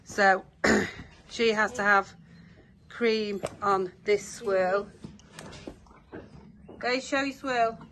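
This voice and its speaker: A middle-aged British woman with a croaky voice, chatting casually to viewers as a horse-owning vlogger. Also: mid-range voice, very slow, pauses often, fairly bright tone. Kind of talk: casual vlog chat. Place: in a car, then a stable yard. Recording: handheld vlog with background noise.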